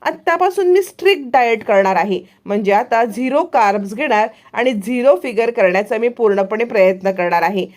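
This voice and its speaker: A woman's voice: a little high, normal speed, few pauses, a little mellow, close to an everyday voice. Woman doing a fussy young woman. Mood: determined. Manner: fussy, declaring. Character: fussy young woman set on strict dieting.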